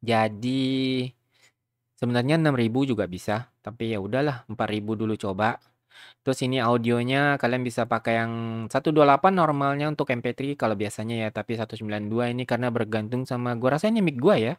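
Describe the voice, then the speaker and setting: Speaking briskly in a mid-range voice, a man gives a relaxed software tutorial on YouTube, sprinkled with streamer slang and frequent check-ins with viewers. The sound is studio quality with no room echo.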